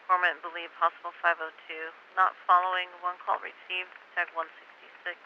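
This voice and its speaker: A man's voice: high-pitched, level tone, brisk. A man working as a police dispatcher on a police radio transmission, reading out codes, locations and plate details in clipped radio traffic. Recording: muffled scanner radio with hiss.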